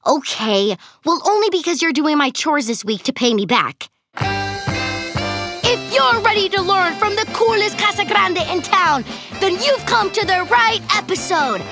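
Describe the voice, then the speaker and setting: Cartoon preteen girl, sarcastic, exasperated, high lively voice, music behind. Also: a little slow, exaggerated voice. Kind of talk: cartoon voice acting.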